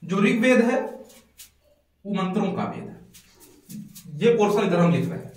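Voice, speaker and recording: A male teacher giving a classroom lecture, asking questions and answering them himself, repeating key words slowly for students to write down. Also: high-pitched, lively intonation. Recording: echoey room, mic far off.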